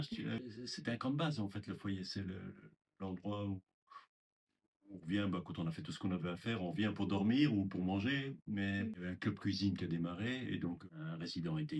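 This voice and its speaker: A man's voice: low voice, slightly rough. An older man giving a reflective interview testimony about his past, speaking hesitantly with many fillers and restarts. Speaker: former resident interviewee.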